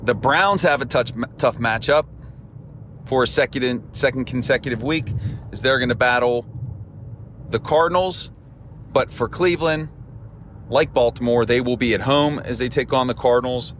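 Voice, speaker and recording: A man hosts a solo sports podcast, running through upcoming games with upbeat, chatty analysis and ending on a cheerful sign-off. His medium-pitched, slightly bright voice moves at a moderate pace but is temporarily husky and lower than usual, with a little hiss or hum in the background.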